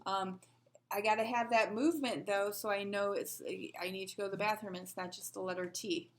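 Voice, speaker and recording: A woman's voice: medium pitch, fairly even intonation, brisk. A woman teaching a sign language lesson, patiently explaining and asking rhetorical questions as she demonstrates.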